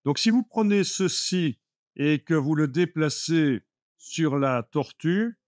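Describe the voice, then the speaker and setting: A man's voice: on the high side, animated, slow, dry recording, clean studio sound. A man teaching a live Photoshop class, explaining steps patiently with many fillers like "euh" and "voilà". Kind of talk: live classroom software lesson.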